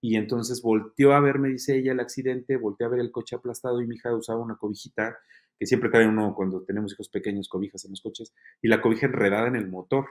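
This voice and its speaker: Man, earnest halting testimony, lots of fillers, mid-pitched voice. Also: steady tone. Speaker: guest. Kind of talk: testimony in an interview.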